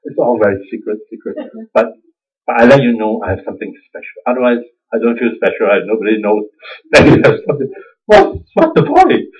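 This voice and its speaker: A Buddhist teacher with a Singaporean accent gives an informal dharma talk in a mid-range, slightly breathy voice, moving briskly with big swings in pitch. He's conversational and self-deprecating, chuckling often. The lo-fi recording sounds dull.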